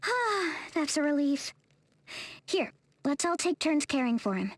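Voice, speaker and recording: A woman's voice: high-pitched, big pitch swings, unhurried, no room sound. A woman voicing a strong-willed young heroine in a video game, plain-spoken and commanding but caring. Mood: relieved, caring.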